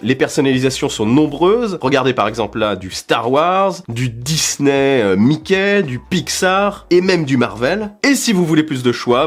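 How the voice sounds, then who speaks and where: A young man, sick and recovering, presenting tech deals in a vlog with playful self-mocking asides. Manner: playful self-mocking asides, lively swings between high and low. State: sick, recovering under a duvet. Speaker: tech YouTuber.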